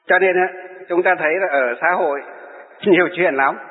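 A middle-aged Buddhist monk with a high-pitched voice and moderate pace gives a wry, chatty storytelling talk, laughing at his own anecdotes. The audio is tinny and lo-fi with long hall reverb.

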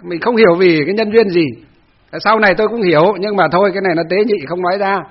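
High-voiced monk telling a story. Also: male voice, steady tone, fast, husky, lo-fi sound. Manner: chatty storytelling, many fillers, acts out quarrels. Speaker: Buddhist monk. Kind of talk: dharma talk with personal story.

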